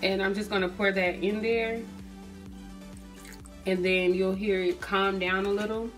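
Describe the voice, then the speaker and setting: A cooking vlogger films a recipe tutorial on a phone camera at the stove in her home kitchen, with soft background music. Her mid-range voice is flat and measured as she chats casually, saying "um" often and calling viewers "you guys" and "y'all".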